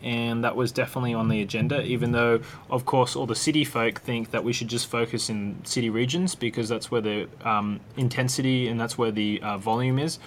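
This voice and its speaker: A man's voice: mid-range voice, fairly even intonation, fairly quick, few pauses, a little hiss or hum. A man, a guest in a casual panel chat, speaking upbeat and confident with fillers. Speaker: incubator organizer, guest.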